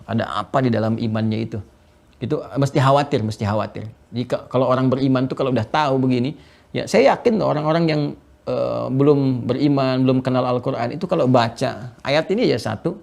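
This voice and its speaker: A man giving a lively religious lecture as a preacher, animated, often jumping up in pitch with laughs and asides. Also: creaky.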